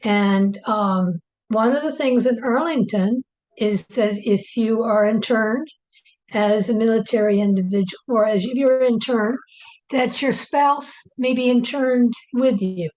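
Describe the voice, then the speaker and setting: A woman taking part in an online group chat, earnest and halting as she speaks. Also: fairly high pitch, a little mellow, poor audio. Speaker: participant. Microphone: video call.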